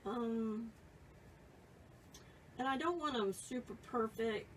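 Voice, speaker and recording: A woman's voice: on the high side, slow pace, recorded from a distance, a little hiss or hum, poor audio. A woman in her late fifties giving a casual, chatty painting lesson and reading viewer comments as she works. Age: 50s. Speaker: painting instructor. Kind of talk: live painting tutorial.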